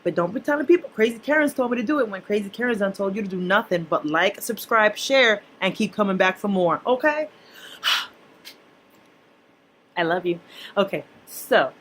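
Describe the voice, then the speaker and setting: A woman's voice: mid-range voice, fairly bright tone, slight background noise, low-quality recording. A young woman, a mother, vlogging about her spending in a chatty, blunt, casual way to her viewers. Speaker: personal finance vlogger, mother. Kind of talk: casual talk to camera.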